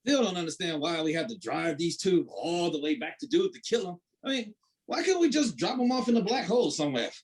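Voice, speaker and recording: A woman's voice: lowish voice, sing-song, fairly quick, darkish tone. A woman playing a puny, exasperated male spaceship pilot, whiny and sarcastic, in a comedy spoof. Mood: irritated. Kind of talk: sci-fi spoof comedy acting.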